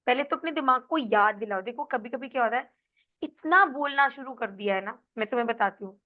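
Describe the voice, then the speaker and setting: A woman's voice: a little high, brisk. A woman life coach in a coaching session, explaining and modeling how to talk yourself into sleep. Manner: coaching, repeating sleepy phrases in a soft drowsy tone. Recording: tinny phone-like sound.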